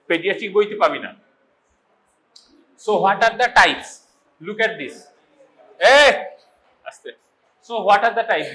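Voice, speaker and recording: A man's voice: sits high, bright, forceful tone, poor audio. A man with a Bengali accent giving a medical college lecture, switching between English and Bengali and quizzing his students informally. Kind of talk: classroom lecture.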